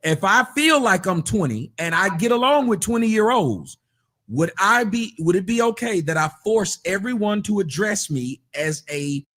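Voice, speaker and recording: A man's voice: high-pitched, lively intonation, normal speed, fairly bright tone. A man in his forties, a radio show host, arguing hard and talking over the other person. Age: 40s. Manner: pushy, argumentative, talks over the other speaker. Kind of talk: heated on-air argument.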